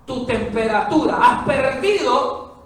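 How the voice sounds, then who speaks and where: A woman's voice: high-pitched, animated, takes it slowly, a little hiss or hum. A woman preaching a sermon, emphatic and full of rhetorical questions to the congregation. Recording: very echoey hall, far from the mic.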